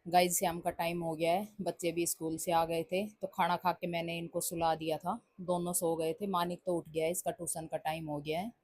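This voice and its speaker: A woman's voice: fairly low pitch, little pitch movement, moderate pace, few pauses, a little mellow. A woman in her thirties, a mother, chatting casually to viewers about her chores in a daily vlog. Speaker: home vlogger and mother.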